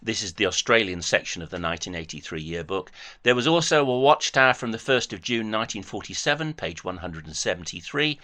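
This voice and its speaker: A man's voice: fairly low pitch, animated, a little fast, sharp tone. A man hosting a heated debate with a caller, pressing him with references. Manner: pressing, argumentative, quotes references.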